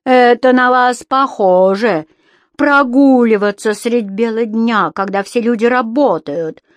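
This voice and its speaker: A woman's voice: on the high side, slow pace, no room sound, voice pushed up. A woman voicing a bossy, rude landlady who scolds and barks commands. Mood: scolding.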